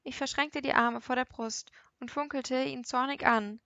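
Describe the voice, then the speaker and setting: A woman narrating an audiobook in the first person, with an expressive, lively storytelling manner. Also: high voice, moderate pace, dry recording, muffled recording.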